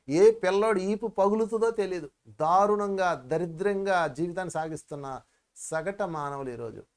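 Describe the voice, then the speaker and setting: In a spiritual discourse, a man with a high-sitting voice teaches meditation. He tells stories with lively emphasis and calls his listeners friends.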